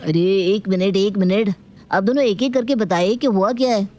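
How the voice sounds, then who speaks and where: Brief: woman voicing peacemaking young husband, storybook, mid-pitched, calm reasoning. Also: normal speed, natural voice. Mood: placating. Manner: placating, reasoning. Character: young husband caught between wife and mother.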